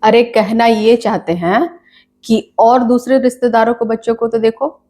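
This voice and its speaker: Woman acting as a nagging mother, comedy sketch, scolding, fairly high voice. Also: steady tone, warm tone, close to an everyday voice. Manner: scolding, nagging, quick complaints. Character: scolding, complaining middle-aged mother.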